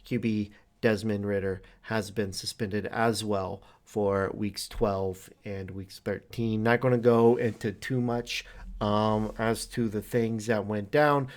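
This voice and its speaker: A man hosting a weekly league show, explaining rule violations in a halting but firm way with many fillers. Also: on the low side, fairly even intonation. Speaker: league commissioner host. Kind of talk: casual league update talk.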